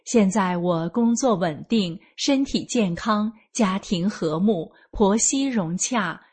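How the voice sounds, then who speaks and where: A woman in her forties reading her own first-person account aloud in an earnest, measured way. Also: medium pitch, expressive, a little mellow, husky. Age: 40s. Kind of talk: scripted first-person narration.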